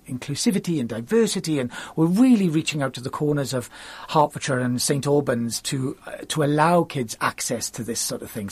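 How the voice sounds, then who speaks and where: A man's voice: fairly high pitch, breathy edge, no echo. A man with a Welsh accent, founder of a youth theatre school, talking enthusiastically as a guest in an interview. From Wales. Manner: enthusiastic, chatty, quick bursts. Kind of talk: conversational interview.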